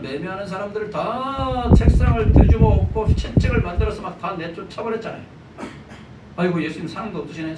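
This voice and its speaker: A man preaching a Sunday sermon as pastor, lively and joking with his congregation. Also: high-pitched. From South Korea. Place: church sanctuary. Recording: echoey church hall, mic from a distance, noisy.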